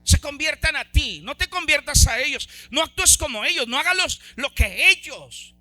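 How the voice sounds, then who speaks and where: A man preaching a sermon as pastor, fervent, swinging between loud exclamations and soft low asides. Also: animated, normal speed, dry recording, faint music behind.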